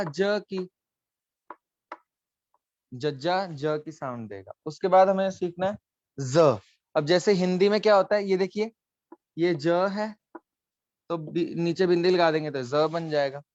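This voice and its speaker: A man's voice: on the high side, measured pace, long pauses, a little mellow, no room sound, dull audio. A man teaching a live online class, explaining letters patiently and coaxing students, dropping in English phrases.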